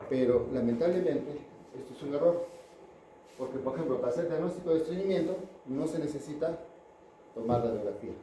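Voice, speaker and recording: A man's voice: a little high, expressive, a little fast, mellow, a little hiss or hum. Chatty male pediatrics lecturer in echoey room. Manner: chatty, asks the class questions, tags "¿no?". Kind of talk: classroom lecture. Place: classroom.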